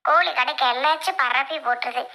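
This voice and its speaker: A woman doing a grumbling older mother, gravelly. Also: sits high, bright, forceful tone. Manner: quick muttering complaints. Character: busy grumbling older mother, sweeping the yard.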